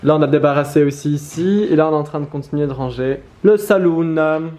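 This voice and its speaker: A man's voice: on the high side, a little fast, a little mellow, a little hiss or hum. A man in his twenties with a French accent, chatting casually through a home vlog, rambling with lots of fillers. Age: 20s. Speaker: vlogger.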